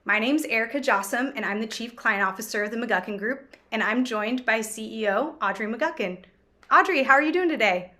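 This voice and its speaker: Woman host of a business Q&A, bright, upbeat, friendly. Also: fairly high pitch, a little fast. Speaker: interview host, company executive. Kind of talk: business Q&A interview.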